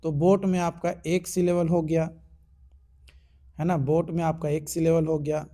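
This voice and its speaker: Indian guy teaching english rules online, slow and careful, mellow voice. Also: fairly high pitch, level tone. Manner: slow, explains each rule in mixed Hindi and English. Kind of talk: online exam-prep lesson.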